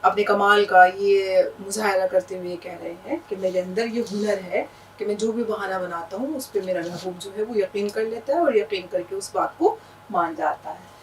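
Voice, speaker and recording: A woman's voice: mid-range voice, recorded from a distance, slight background noise, low-quality recording. A woman teacher with an Indian Urdu accent, patiently explaining words and letters with examples in a language lesson.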